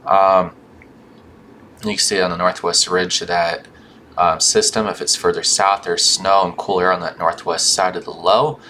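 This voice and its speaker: A man with a low, bright, forceful voice delivers an informal weather update. His mouth and gums are swollen, so he labors over longer words and restarts them. There is faint noise behind him. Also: flat delivery, moderate pace. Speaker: weather forecaster.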